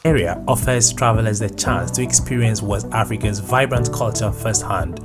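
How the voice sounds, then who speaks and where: A mid-pitched narrator reads a scripted travel countdown in a smooth, even, promotional tone. Loud background music plays under every line. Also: moderate pace. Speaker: video narrator.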